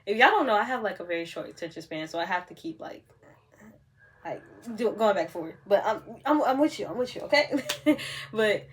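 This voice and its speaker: A woman's voice: mid-range voice, fairly quick, slight background noise. Chatty young woman telling a story. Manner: chatty, animated retelling with frequent "like" fillers. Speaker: vlogger. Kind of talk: casual storytime. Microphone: on camera.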